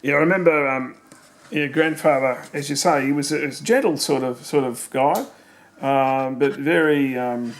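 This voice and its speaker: A middle-aged Australian man with a mid-range voice speaks at a moderate pace, recording memories as a family member. He reminisces casually about his family, rambling with fillers and leading questions.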